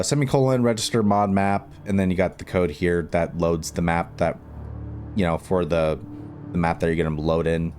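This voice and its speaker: A fairly low, darkish male voice hosts a casual step-by-step screen tutorial, talking while he works. He thinks aloud informally and repeats instructions as he goes, with music playing in the background.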